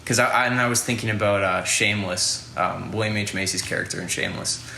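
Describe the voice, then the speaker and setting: A man's voice: fairly low pitch, steady tone, quick pace, vocal fry, pushed and bright, roomy sound, a little hiss or hum. A young man hosting a podcast, telling a casual story in a rambling way, full of fillers and swearing. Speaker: podcast host.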